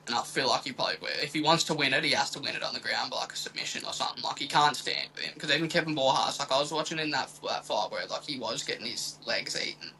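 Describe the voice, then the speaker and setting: A man's voice: medium pitch, quick pace, hardly any pauses, bright, forceful tone, a little hiss or hum, poor audio. A young man with an Australian accent chatting casually about sport in a slangy, loosely rambling way. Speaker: fight prediction podcast co-host.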